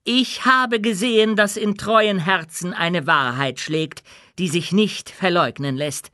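A man voicing a commanding dwarf queen in an audiobook, speaking with loud, proud oratory. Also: sits high, takes it slowly, no room sound, studio quality, voice pushed up, heavily acted. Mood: rousing. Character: commanding dwarf queen addressing her people. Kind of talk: audiobook character voice.

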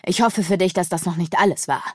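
A woman's voice: fairly low pitch, fast, slightly rough, no echo. A woman voicing an arrogant, imperious male demon sorcerer who snaps out his words in an audiobook. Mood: haughty. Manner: commanding, snapping, harsh. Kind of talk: audiobook character voice.

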